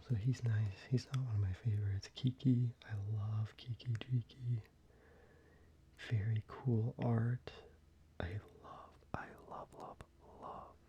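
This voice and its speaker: In a muffled recording with a bit of background noise, an ASMR creator whispers closely and softly about their collection. They stumble over frequent ums and restarts, and their voice sits in the mid range.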